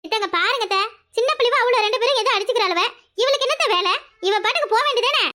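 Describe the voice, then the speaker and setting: A fierce, protective cartoon mother, played by a woman, scolding in a very high, bright voice. She snaps her lines. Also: very fast. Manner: sharp scolding.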